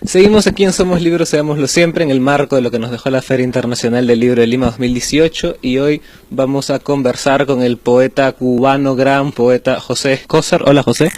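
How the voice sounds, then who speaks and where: A man, hosting the show, introducing his guest and asking interview questions, filling pauses with "eh". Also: medium pitch, fairly even intonation, darkish tone. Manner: welcoming, fills pauses with "eh". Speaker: host.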